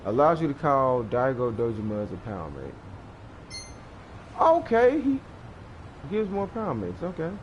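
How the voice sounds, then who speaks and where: A man's voice: medium pitch, huge pitch swings, a little slow, long pauses, lo-fi sound, a little hiss or hum. A man in his thirties giving casual let's-play commentary, rambling and laughing often as he acts out screams. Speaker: gaming YouTuber. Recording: game music behind voice.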